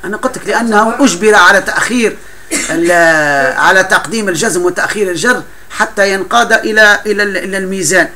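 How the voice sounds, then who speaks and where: Quick, bright-voiced male teacher. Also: sits high, a little hiss or hum. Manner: explains patiently, often laughs, breaks off and restarts words. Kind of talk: classroom grammar lesson.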